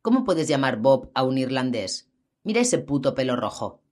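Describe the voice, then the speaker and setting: A woman's voice: extremely low pitch, big pitch swings, moderate pace, a little mellow, exaggerated voice. A woman reading the part of a foul-mouthed, mocking young man. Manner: crude, mocking.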